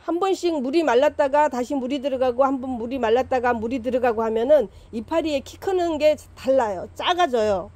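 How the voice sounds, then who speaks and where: A woman's voice: high voice, fairly quick, hardly any pauses, a little mellow. A middle-aged woman who runs a plant farm, casually teaching plant care in a chatty way, repeating her points and talking to the plants.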